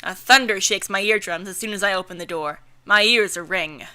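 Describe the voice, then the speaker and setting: A woman's voice: medium pitch, brisk, sharp tone, smooth. A woman reading first-person visual novel narration as an amateur voice-over. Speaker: narrator and reader. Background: music.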